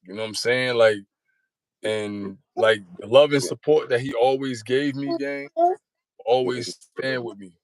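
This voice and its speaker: Speaking a little slowly in a mid-range voice, a man in his thirties recounts his story as an interview guest, with a crowd audible behind him. He rambles in street slang and keeps asking "you know what I'm saying."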